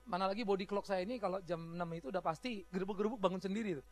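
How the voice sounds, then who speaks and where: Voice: mid-range voice, racing. A pastor preaching a sermon in a chatty, humorous way, often laughing while talking. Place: church.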